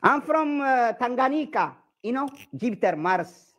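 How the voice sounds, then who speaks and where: A man's voice: very high-pitched, very animated, measured pace, fairly bright tone. A man with an Eritrean accent speaking broken English, playfully flirting and boasting as a comedian on a video chat. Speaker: comedian prank-chatting.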